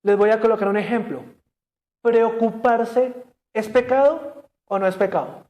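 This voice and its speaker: A man's voice: high-pitched, unhurried, darkish tone. A man preaching a sermon to a church congregation, often asking them questions and joking. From Colombia. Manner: asks the congregation questions, jokes and laughs. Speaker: pastor. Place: church service streamed online.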